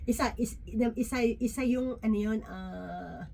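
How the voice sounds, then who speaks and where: A woman sharing a Bible reflection in an informal devotional talk, often checking in with her listeners through tag questions and pausing with fillers and restarts. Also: a little high, gravelly, darkish tone. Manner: halting, many restarts and fillers.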